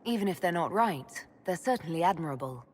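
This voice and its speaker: An actress playing an elf mage leader in a game, measured, dry and resolute. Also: female voice, fairly low pitch, expressive, a little mellow, breathy edge. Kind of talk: dramatic game acting.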